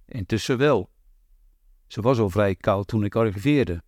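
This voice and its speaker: A man voicing a hoarse, tipsy, defiant grandmother in a raised, lively voice. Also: on the low side, unhurried, no echo, studio quality.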